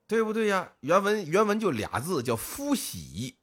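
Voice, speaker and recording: A man spins a folk story for his co-host in a chatty podcast. His voice sits slightly high and swings widely in pitch as he acts out the villagers. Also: wildly swooping pitch, moderate pace, a bit bright, breathy edge. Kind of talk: casual storytelling chat.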